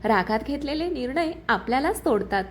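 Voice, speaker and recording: A woman voicing a calm, gentle but firm young heroine in a story reading. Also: high voice, fairly quick, slight background noise.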